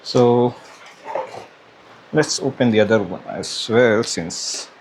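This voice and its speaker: Speaking at a medium pitch and a slow pace, a man narrates a product unboxing for his vlog. His commentary is casual and tentative, like he's thinking aloud, and the recording carries clear background noise and room ambience.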